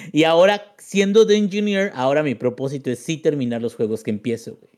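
A Mexican man in his forties co-hosts a podcast in easy banter full of crude jokes. His voice sits a little high. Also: moderate pace, darkish tone. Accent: Mexican Spanish. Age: 40s. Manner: crude joking. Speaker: podcast co-host. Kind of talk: casual banter.

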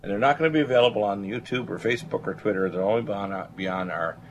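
A man's voice: on the low side, fast talker, highs cut off, a little hiss or hum. A man hosting a talk show as a doctor, speaking off the cuff to listeners in a self-assured, salesman-like way. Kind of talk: unscripted monologue to listeners.

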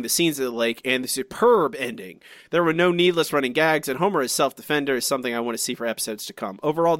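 This man, a dry, chatty podcast host with a medium-pitched voice, reads out listener comments in casual conversation. He's animated, with lots of restarts and side remarks, and the recording is dry.

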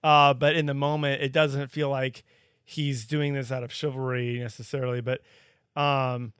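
A man's voice: medium pitch, level tone, normal speed, fairly bright tone, smooth, dry recording, studio quality. A man co-hosting a podcast, talking conversationally and often restarting his sentences. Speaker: podcast co-host. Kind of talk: casual discussion.

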